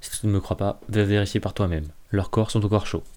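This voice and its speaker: A man's voice: lowish voice, steady tone, quick pace, dark tone, lightly acted. A man reading the part of a wounded, defiant young woman apprentice who speaks bluntly. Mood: fierce.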